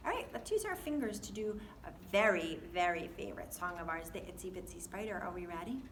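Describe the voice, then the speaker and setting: A woman's voice: on the low side, animated, brisk, a little hiss or hum. A woman hosting a children's story time, reading to toddlers in a singsong, encouraging way with simple, patient questions. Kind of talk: reading aloud to toddlers, with questions and animal sounds.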